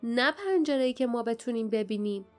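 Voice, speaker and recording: A woman voicing a sturdy, steady grown man, a seasoned guard who speaks firmly and decisively. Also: a little high, faint music behind, close to an everyday voice.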